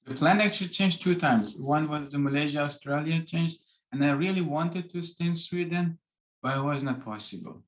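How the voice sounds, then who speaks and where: A man, speaking as an interview guest in halting, phrasing with frequent restarts. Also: on the high side. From Iran. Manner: halting, with restarts and non-native grammar. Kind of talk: casual interview talk.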